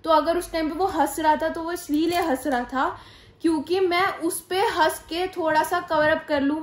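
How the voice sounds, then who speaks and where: A woman's voice: high voice, reverberant. A pregnant young woman vlogger talking to camera, earnest and emphatic, slipping English phrases into her speech. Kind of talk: casual talk to camera.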